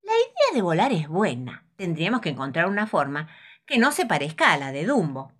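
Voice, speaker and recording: A woman's voice: on the low side, huge pitch swings, a little fast, fairly bright tone, breathy edge, full character voice. A woman voicing an earnest male cricket teacher in a storybook, encouraging and explaining like a teacher. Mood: teacherly.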